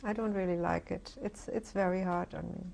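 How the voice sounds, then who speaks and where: Older woman with a gravelly voice. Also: on the low side, fairly even intonation, a little mellow. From Germany. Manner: reflective, halting, with frequent restarts. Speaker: interviewee. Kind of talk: oral history testimony. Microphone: interview recording.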